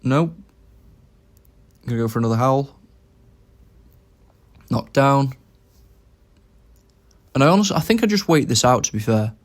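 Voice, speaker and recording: A man's voice: medium pitch, lively intonation, measured pace, pauses often. A young man giving casual commentary over his own game, thinking aloud about each move as he plays.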